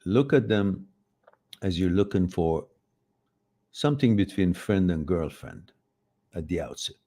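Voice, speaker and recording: Hosting a live advice stream, this middle-aged Iranian man speaks Farsi in a deep, warm, animated voice at an unhurried pace. He reads out questions from viewers, wandering off track and frequently correcting himself.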